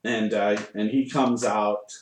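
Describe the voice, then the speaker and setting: A man running a tabletop game as game master, improvising narration haltingly as he searches for words. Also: fairly low pitch, steady tone, a little hiss or hum. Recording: echoey room.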